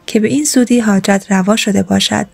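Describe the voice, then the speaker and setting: A woman's voice: medium pitch, steady tone, vocal fry, darkish tone, lightly acted. A woman voicing a crafty old man who acts self-righteous and makes a show of being frail. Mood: smug. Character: old male wise trickster, smug and crafty.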